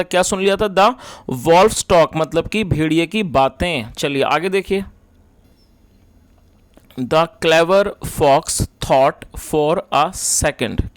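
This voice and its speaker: Smooth-voiced man teaching English grammar. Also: a little high, dry recording. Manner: reads English lines slowly, explains fast. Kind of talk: explaining a story line by line.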